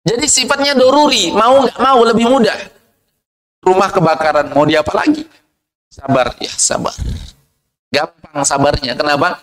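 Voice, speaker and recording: A man preaching a sermon, lively, asking the audience questions and answering them himself. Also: normal speed, long pauses, poor audio. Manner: lively, swings from low asides to high rhetorical questions.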